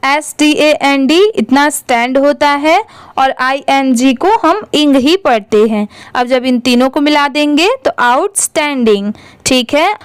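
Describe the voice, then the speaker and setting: A young woman with an Indian accent teaches reading in a high, unhurried voice. She works methodically, spelling each word and then asking the learners to say it. The sound is dry and close, with no room around it. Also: dry recording. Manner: patient and methodical, asks the learners questions. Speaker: English teacher. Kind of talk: spelling out English words letter by letter for Hindi-speaking learners.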